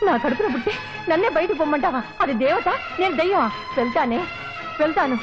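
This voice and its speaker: An actress playing a scheming older mother-in-law, shrill, wailing and venomous, in a melodramatic film. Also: lively intonation, fast talker. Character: scheming older woman, bitter and theatrical. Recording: dull lo-fi film soundtrack with music.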